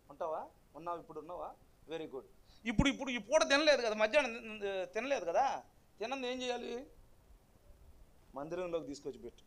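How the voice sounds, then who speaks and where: A man with a Telugu accent, preaching a sermon as pastor in a church and talking now and then to his congregation. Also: high voice. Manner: preaching with sudden loud rises and quiet asides to the congregation. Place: church hall.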